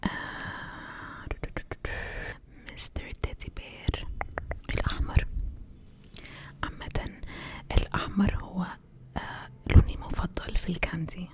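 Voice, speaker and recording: A woman's voice: on the low side, flat delivery. Intimate whispering Egyptian woman, ASMR. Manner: repeats words slowly as soft trigger sounds, mixing in English words.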